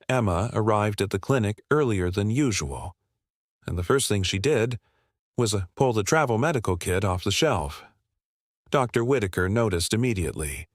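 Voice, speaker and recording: A man reading a heartfelt animal story aloud in a measured, steady storytelling manner. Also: on the low side, no echo, clean studio sound. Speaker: narrator. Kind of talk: scripted story narration.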